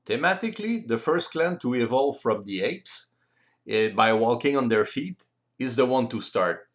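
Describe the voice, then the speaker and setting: This man, whose first language is French, walks through board game rules in slow, deliberate non-native English for an instructional voice-over. His pitch is medium and his intonation lively, and the French accent is clear.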